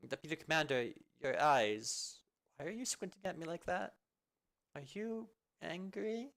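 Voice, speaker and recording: A man voicing a flustered young female soldier who stammers in a high, anxious voice. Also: expressive, measured pace, fairly bright tone. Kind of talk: amateur video game fan dub.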